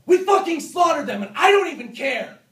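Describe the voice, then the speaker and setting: A man in his twenties performing a dramatic monologue as a tormented, self-loathing young Vietnam veteran, with an intense, halting, emotional delivery, recorded from afar in a classroom. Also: a little high, expressive. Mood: raging, shouting. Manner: intense, emotional, halting delivery swinging between hushed and explosive. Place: classroom, indoors. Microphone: far camera. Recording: roomy, distant camera mic with faint noise.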